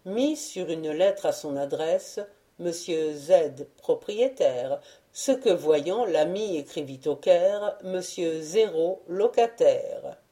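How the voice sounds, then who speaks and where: A woman reading a literary audiobook in a measured, unhurried way. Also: fairly low pitch, lively intonation, warm tone. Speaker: audiobook reader.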